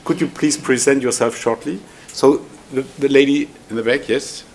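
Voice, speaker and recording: A man chairs a conference panel discussion, hesitant and pausing often between phrases. He is recorded in a conference hall with faint room noise behind him. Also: mid-range voice, fairly even intonation. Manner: hesitant, many fillers. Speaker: session moderator. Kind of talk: moderating a conference Q&A.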